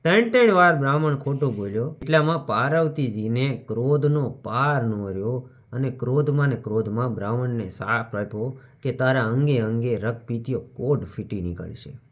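A man's voice: mid-range voice, expressive, normal speed. Man narrating a devotional tale. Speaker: storyteller. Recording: dull lo-fi recording.

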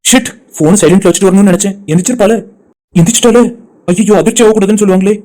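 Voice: mid-range voice, racing, warm tone, faint music behind, pitched below the performer's own voice, close to an everyday voice. A voice artist voicing a worried, protective male friend in a cartoon drama, anxious and urging. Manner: anxious, scolding then soothing.

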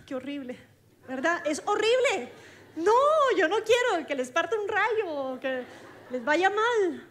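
High pitched woman preacher, animated storytelling sermon, does all the voices. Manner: lively, acts out dialogue, laughs along with her story.

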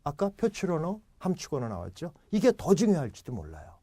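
A man's voice: fairly high pitch, a little fast, breathy edge, no echo. A man giving an English lecture, acting out little example dialogues as he explains. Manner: animated, acts out example dialogues. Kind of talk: classroom lecture.

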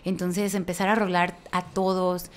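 A woman with a Mexican accent, a worship leader, telling a story in lively conversation, laughing often and restarting her phrases with emphasis. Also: lowish voice, normal speed, a little hiss or hum.

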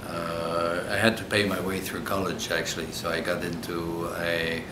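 Deep-voiced French-accented man in his sixties. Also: completely flat delivery, moderate pace, roomy sound, heavy background noise. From Egypt. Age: 60s. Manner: earnest, thoughtful, searching for words. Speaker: coach. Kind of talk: reflective interview answers. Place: indoor hotel room.

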